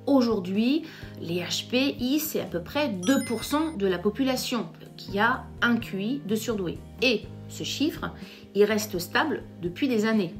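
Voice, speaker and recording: French woman therapist host, fairly high voice, emphatic to camera, faint music under. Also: unhurried. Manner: lively, emphatic, addresses viewers directly. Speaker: psychotherapist and YouTube host. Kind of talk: direct-to-camera explainer talk.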